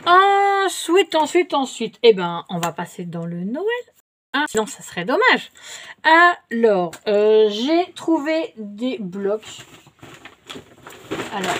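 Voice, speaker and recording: Woman, casual haul vlog, chatty, hesitant, fillers, slightly high voice. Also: animated, unhurried, a little hiss or hum. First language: French. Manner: chatty, hesitant, many fillers, talks to viewers. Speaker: haul vlogger. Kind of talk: casual show-and-tell haul.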